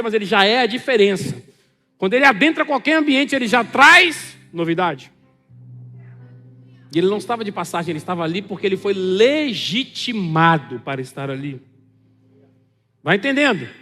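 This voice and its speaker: Brazilian male preacher, high and sharp-toned, animated sermon delivery, reverberant hall. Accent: Brazilian Portuguese. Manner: animated, acts out quoted voices. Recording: long hall reverb with faint music.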